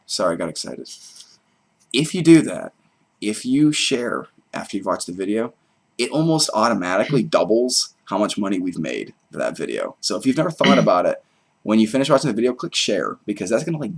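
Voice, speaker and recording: A man co-hosting a casual live stream, talking in an animated, jokey and excitable way. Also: on the low side, fairly quick, gravelly, slightly rough. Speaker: co-host of a musical comedy channel.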